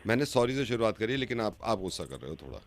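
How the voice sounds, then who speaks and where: A man making a prank phone call, insistently apologizing and growing more exasperated and loud. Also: fairly low pitch, big pitch swings, fast talker. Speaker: radio prank caller.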